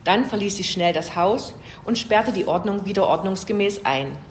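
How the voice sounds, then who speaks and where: A woman reads a fable aloud in steady storybook narration. Her pitch sits in a middle range. A roomy echo surrounds her voice. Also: moderate pace, slight background noise. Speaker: reader.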